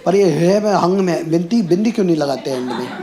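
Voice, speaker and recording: Middle-aged male stand-up, higher voice, animated storyteller with loud mimicry, echoey room with noise behind. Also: brisk. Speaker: stand-up comedian. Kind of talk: stand-up comedy set. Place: comedy venue with live audience.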